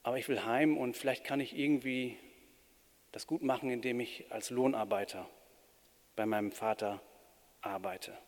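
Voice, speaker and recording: A pastor giving a sermon in an earnest, plain-spoken way with shifting emphasis. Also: male voice, medium pitch, fairly even intonation, normal speed, long pauses. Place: church. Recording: reverberant church hall.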